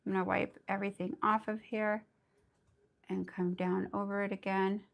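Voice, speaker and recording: A woman with a raspy voice, under the weather, teaching nail art in a bubbly, chatty live tutorial. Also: mid-range voice, level tone, normal speed. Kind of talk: casual live tutorial chat.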